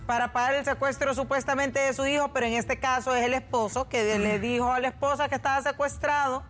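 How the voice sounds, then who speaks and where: High-voiced Honduran radio host. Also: female voice, steady tone, a bit bright, soft background music. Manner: brisk, urging callers along with repeated "vamos". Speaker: radio call-in show host. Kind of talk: live call-in radio talk.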